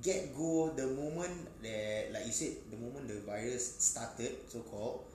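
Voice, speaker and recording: A man's voice: medium pitch, a little slow, a little mellow. A Singaporean man with a Singaporean accent, co-hosting a casual chat in agreeable, colloquial Singlish. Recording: very echoey, distant from mic, faint noise.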